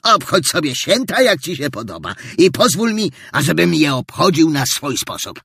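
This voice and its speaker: A man's voice: medium pitch, big pitch swings, slow, vocal fry, fairly bright tone, breathy edge, dry recording, studio quality, voice pushed up, exaggerated voice. A man playing a scornful old miser. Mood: scornful grumbling. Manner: curt, scornful and indignant.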